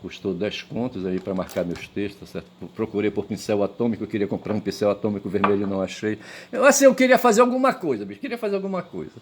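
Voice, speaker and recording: A man's voice: fairly low pitch, big pitch swings, quick pace, slight background noise. A middle-aged man telling a story in a rambling, casual way, tagging his sentences with checks for agreement. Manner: rambling, constant "right?" tags and filler. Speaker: vlogger.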